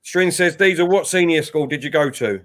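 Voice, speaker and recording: Co-hosting a relaxed football watchalong, this Isle of Dogs, East London man talks at normal speed in a fairly high voice. He chats along, reads viewers' messages aloud, and bursts into excited commentary on the match.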